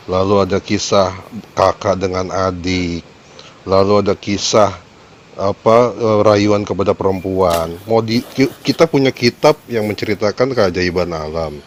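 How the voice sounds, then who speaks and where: A very low-voiced man giving a measured, cautionary argument and pausing on hesitant fillers. A faint background noise sits behind him.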